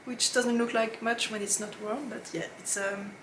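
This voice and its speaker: A woman with a French accent, a knitting podcast host chatting casually, laughing often and pausing with fillers as she searches for English words. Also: on the high side, steady tone, fairly bright tone, a little hiss or hum. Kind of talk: casual chat to camera.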